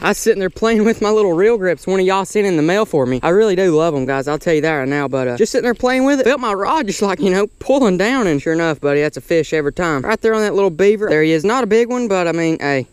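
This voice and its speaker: A young man with a drawl chatters away excitedly at a pond's edge, quick and high-voiced. His voice comes through smooth and close, with a dry, unreverberant outdoor sound. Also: no room sound. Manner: excitable, exclaiming often. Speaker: fishing vlogger. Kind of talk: casual outdoor vlog commentary. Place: outdoors at a pond bank.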